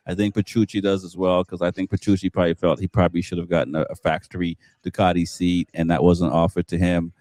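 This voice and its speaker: A man hosting a casual motorcycle-racing panel chat, talking haltingly with lots of fillers and restarts. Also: sits low, little pitch movement, darkish tone, no echo. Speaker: podcast host.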